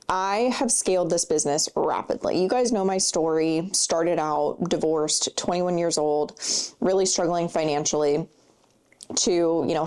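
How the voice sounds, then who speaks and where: A young woman in her late twenties talks straight to her listeners in a chatty, excitable way, wandering off on side tracks and filling gaps with fillers. Her voice sits a little low and sounds mellow and warm, with a touch of congestion. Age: 20s. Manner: chatty, upbeat, rambling with fillers. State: slightly congested. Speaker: podcast host. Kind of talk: casual solo podcast chat.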